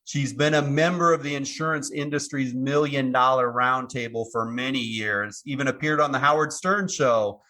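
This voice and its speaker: A man's voice: mid-range voice, moderate pace, hardly any pauses, pushed and bright. A man hosting a podcast interview, introducing his guest politely and encouraging her to talk. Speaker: podcast host.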